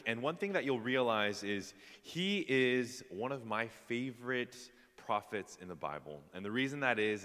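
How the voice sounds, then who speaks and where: A man with a mid-range, sharp-toned voice preaches a casual, self-deprecating sermon to his congregation, full of fillers. He's in a church hall, and the recording carries a long hall reverb.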